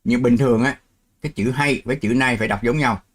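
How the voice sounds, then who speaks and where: Middle-aged man, mid-pitched and easygoing, hosting a live stream and teaching through examples. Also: brisk, husky. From Vietnam. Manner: chatty, explains with worked examples, laughs easily. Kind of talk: casual live-stream chat.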